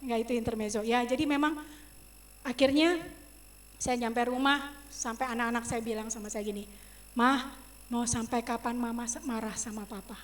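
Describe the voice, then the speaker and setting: A middle-aged woman preaching a personal testimony in a church service, swinging from loud emotional outbursts to soft asides as she addresses the congregation. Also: a little high, steady tone, normal speed, long pauses. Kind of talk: sermon testimony.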